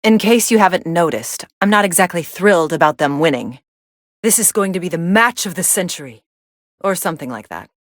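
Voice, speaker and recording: Video game fight commentator: actress playing aloof young female android, lowish voice, sardonic deadpan delivery, very dry studio sound. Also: fairly quick, no echo, close to an everyday voice. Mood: cool, unimpressed.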